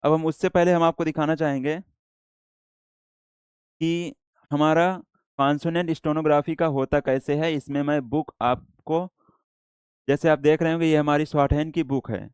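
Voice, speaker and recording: A man with an Indian accent teaching a shorthand class, explaining slowly and repeating himself, mixing English words into Hindi. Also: on the high side, steady tone, darkish tone, smooth, no room sound. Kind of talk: classroom lecture.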